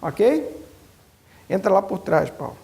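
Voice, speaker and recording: A pastor, a man, teaching a sermon to church leaders in an animated, colloquial way, asking the audience many rhetorical questions. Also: high-pitched, slow pace, gravelly.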